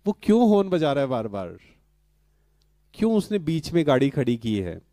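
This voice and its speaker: A middle-aged man gives a spiritual talk to a live audience, calm and questioning, repeatedly prompting listeners to answer and mixing in English words. His voice is on the high side at normal speed, with no echo.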